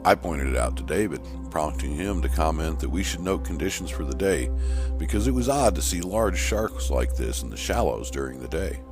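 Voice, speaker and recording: An extremely low-pitched male voice, animated and moderately paced, sounds over background music. The performer plays an earnest shark researcher in an audio horror story, telling of an attack with emphasis.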